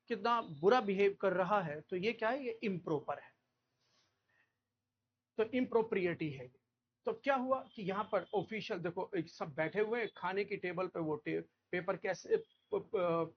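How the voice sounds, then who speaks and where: A man from India teaching a vocabulary lecture, repeating key words and checking understanding with quick questions. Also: sits high, slightly rough, dull audio.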